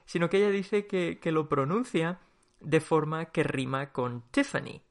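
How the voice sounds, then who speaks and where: A man with a Spain Spanish accent reviews a book in a lively, nitpicking way, circling back over his points. His voice sits a little high, with a gravelly fry running through it. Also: measured pace. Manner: animated and fussy, with many restarts and repetitions. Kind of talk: casual spoken book review.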